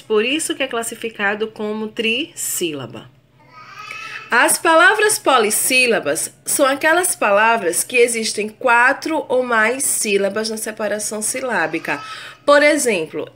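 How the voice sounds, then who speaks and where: A woman teacher speaks in a bright, clear voice, taking her time over each word. Her pitch rises and falls freely as she stretches words out syllable by syllable for her pupils. She calls the class her darlings. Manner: slow, drawn-out spelling of words syllable by syllable; affectionate, addresses pupils as darlings. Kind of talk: recorded remote lesson.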